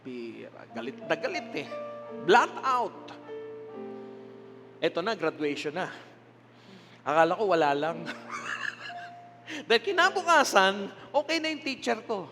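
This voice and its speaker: An older Filipino man preaching a sermon as pastor, telling stories with animated delivery and frequent laughter. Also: high-pitched, unhurried, long pauses. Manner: animated storytelling, laughs often. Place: church sanctuary. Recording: long hall reverb with music behind.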